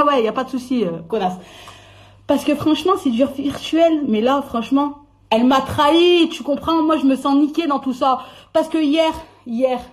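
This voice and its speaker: A young woman's high voice rants angrily into a phone during a live stream. She swears freely and jumps from loud outbursts to low, grumbling asides. Her heated talk barrels on without pause. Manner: angry, swearing, swings between shouting and muttering.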